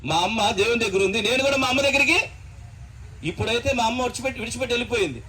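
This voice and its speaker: A man preaching a gospel sermon at a funeral in church, asking rhetorical questions and rising to shouts. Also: very high voice, rapid-fire, a little hiss or hum, poor audio.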